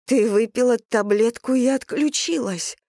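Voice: medium pitch, fairly even intonation, unhurried, a little mellow, no echo, studio quality, pitched above the performer's own voice, natural voice. Reader doing a tearful, betrayed young daughter. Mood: desperate. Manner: shaky, broken, pleading. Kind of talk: audiobook character reading.

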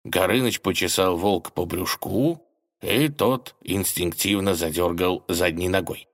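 A man narrating a fairy tale in a playful, expressive reading style. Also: low voice, a little slow. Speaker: storyteller.

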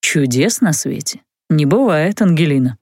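A woman voicing a mocking, smug young male mage in an audiobook, speaking calmly and teasingly in a lowered voice. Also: no room sound, clean studio sound. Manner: calm, teasing, unhurried. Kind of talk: audiobook character voice.

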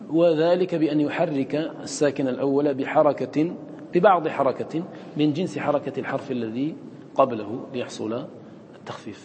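A man teaching Quran recitation to students. He chants the recited words slowly between quicker explanations and checks in with short questions. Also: on the high side, a little mellow, in a large hall, a little hiss or hum.

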